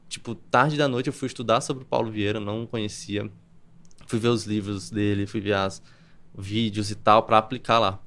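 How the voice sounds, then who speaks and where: A young man, telling his story as a podcast guest in a lively, rapid manner and acting out what people said. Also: on the low side. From Campina Grande, Paraíba, Brazil. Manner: rapid, animated storyteller who acts out quoted dialogue.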